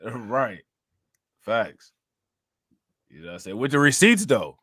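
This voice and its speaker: A man's voice: mid-range voice, big pitch swings, slow, a bit bright, husky, no echo, studio quality. A man co-hosting a casual stream, explaining things in slangy storytelling and laughing often. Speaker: co-host of a reaction stream. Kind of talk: casual chat reacting to a clip.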